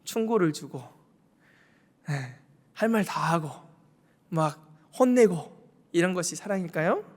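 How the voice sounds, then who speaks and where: A man's voice: sits high, lively intonation, measured pace. A male pastor preaching a sermon, telling the story vividly and asking the congregation questions. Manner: storytelling, acting out quotes, asks the congregation questions. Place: church sanctuary. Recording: long hall reverb.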